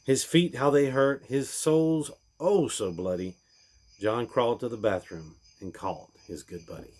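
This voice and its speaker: A man with a mid-range, slightly mellow voice reads a rhyming parody Christmas storybook aloud at a moderate pace. His delivery is theatrical and emphatic, swelling and then dropping away at the end of each line.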